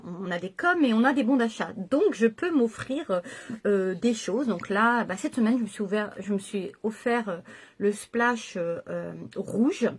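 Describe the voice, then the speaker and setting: A woman's voice: a little high, breathy edge. A middle-aged woman chatting casually through a makeup tutorial at home, hesitating and correcting herself as she goes. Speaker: makeup vlogger.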